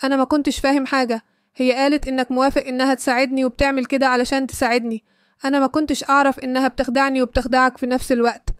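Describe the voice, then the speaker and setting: A shaken, deceived grown husband in Egyptian Arabic, read out by a woman narrator. The lines come rapid and level, pitched somewhat high, with a dry, close sound. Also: little pitch movement, clean tone, no echo, natural voice.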